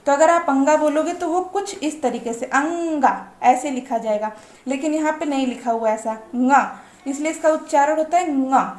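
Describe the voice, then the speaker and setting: A woman teaching parents how to pronounce the letters of an alphabet, explaining patiently and drawing out each letter sound slowly. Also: high-pitched, a little mellow, reverberant. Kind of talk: slow explanatory lesson.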